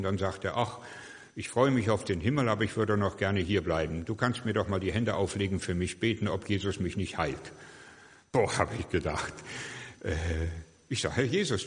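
An older man, a pastor, preaching a sermon and telling stories while acting out the voices of the people he quotes. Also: lowish voice. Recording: long hall reverb.

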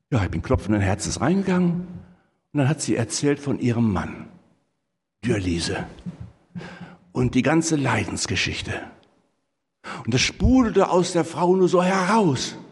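A man's voice: fairly high pitch, slightly rough, big-room sound. An older man preaching a sermon, telling a personal story full of quoted dialogue and fillers.

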